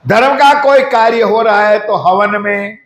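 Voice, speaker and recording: A man delivers a devotional sermon in a high voice. He asks his listeners questions directly and slows down to chant mantras. The sound rings around an echoey hall. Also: a bit bright. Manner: addresses the audience directly with questions. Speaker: preacher. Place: ashram hall.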